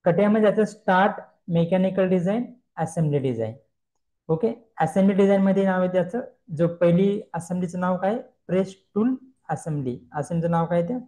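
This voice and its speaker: A man giving a screen-recorded software tutorial, explaining step by step and asking himself questions he then answers. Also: high-pitched, fairly quick, low-quality recording. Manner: explains step by step, mixing English terms, repeats questions and answers them.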